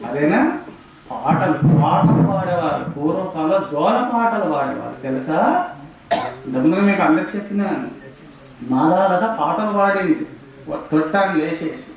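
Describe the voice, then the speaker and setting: A man giving a devotional discourse, switching between fast explanation and slow sung lullaby verses. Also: a little high. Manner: alternates quick explaining with slow sung chanting. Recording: very echoey room, voice from a distance.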